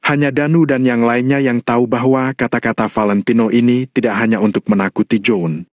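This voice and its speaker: A man reading a serialized action novel aloud as a narrator, pitching his voice up for dialogue. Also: fairly even intonation, brisk, dry recording. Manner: raises pitch sharply for dialogue. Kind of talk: scripted audiobook narration. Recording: dull dry lo-fi sound.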